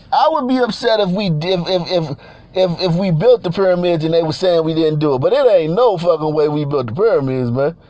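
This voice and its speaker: A man's voice: a little high, dark tone, no room sound. A man from Nigeria in a heated, profane rant, blunt and repeating himself as he gets worked up. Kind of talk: heated ranting monologue.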